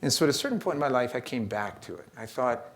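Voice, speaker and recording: A man's voice: mid-range voice, quick pace. Middle-aged male keynote speaker, easygoing and wry, storyteller who leans on "uh" and "so" between thoughts, mid-range voice. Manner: relaxed, joking, storytelling with frequent fillers. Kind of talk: conversational keynote talk with storytelling. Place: church event space.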